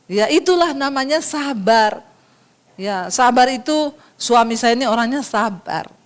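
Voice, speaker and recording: A woman pastor giving a sermon in a lively storytelling manner, often turning to her listeners directly. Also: a little high, unhurried.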